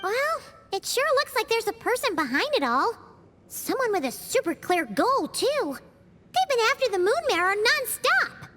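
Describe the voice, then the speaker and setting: A woman voicing a small, chatty, excitable female fairy companion in a game cutscene. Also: extremely high pitch, big-room sound, exaggerated voice. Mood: curious. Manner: chatty, blurts out reactions, quick to exclaim.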